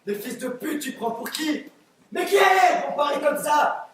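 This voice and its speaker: A teen boy playing a bigoted, shouting juror. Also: very high voice, expressive, normal speed, a little hiss or hum. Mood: ranting. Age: teens. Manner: crude, shouting rants. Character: bigoted, hot-headed male juror. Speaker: student actor. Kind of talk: amateur stage play. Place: theatre stage, live performance. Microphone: distant room mic. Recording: echoey theatre from far off.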